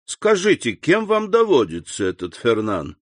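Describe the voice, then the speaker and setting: A man voicing a lively ironic journalist. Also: mid-range voice, unhurried, no room sound. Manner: animated, surprised questions. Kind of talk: audiobook character reading.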